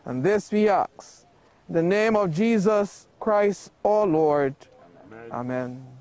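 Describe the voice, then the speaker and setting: A clergyman reading funeral prayers at a graveside in a solemn, measured, formal manner. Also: sits high, darkish tone. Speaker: officiating clergyman. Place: outdoor cemetery graveside.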